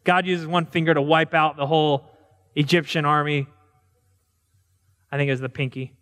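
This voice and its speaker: A male preacher delivers a conversational sermon in a high voice. His words echo through a large sanctuary with a long, lingering reverb. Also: level tone, normal speed, fairly bright tone. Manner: conversational, storytelling, asks questions.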